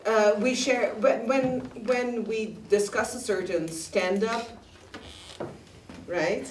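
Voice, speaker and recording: A woman's voice: fairly high pitch, steady tone, slow pace, a little hiss or hum. A woman speaking in a group discussion, hesitant with many fillers. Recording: roomy hall from a distance.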